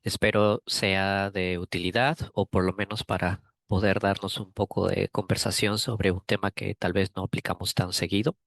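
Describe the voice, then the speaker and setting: A man from Peru giving a technical webinar talk over a video call, measured and with frequent fillers. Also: low-pitched, little pitch movement, vocal fry, a bit bright. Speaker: guest speaker.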